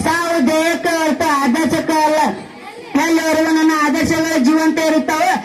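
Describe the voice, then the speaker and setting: A young performer as a defiant jailed revolutionary. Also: male voice, extremely high pitch, normal speed, noisy background. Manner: declamatory, impassioned, flat singsong delivery. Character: defiant young male revolutionary facing execution. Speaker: school drama performer. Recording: echoey hall with a crowd behind.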